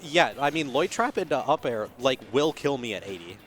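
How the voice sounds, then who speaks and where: A man's voice: medium pitch, very animated, normal speed, a bit bright. A man giving casual, chatty commentary on a fighting game match, full of fillers and restarts. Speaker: esports commentator.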